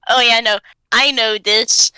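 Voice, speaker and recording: A woman's voice: fairly high pitch, steady tone, a little slow, bright, forceful tone, smooth, no room sound, poor audio. A woman playing a tabletop game, casually talking through what her character does. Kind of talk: casual chat, describing her character's actions.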